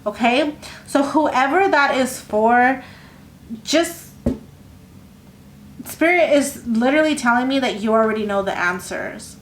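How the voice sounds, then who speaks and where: Rambling, halting woman reading tarot. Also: sits high, slight background noise. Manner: rambling, halting, lots of fillers and restarts. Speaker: tarot reader. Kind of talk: casual tarot reading to camera. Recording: echoey room with faint ambience.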